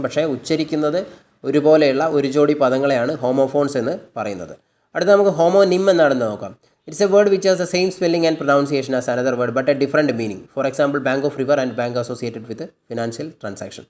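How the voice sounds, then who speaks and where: A man with a Malayali accent teaching English. He reads word lists slowly, repeats them, explains each in his own language, and fixes his own slips as he goes. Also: on the high side, a little mellow. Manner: corrects his own slips mid-sentence.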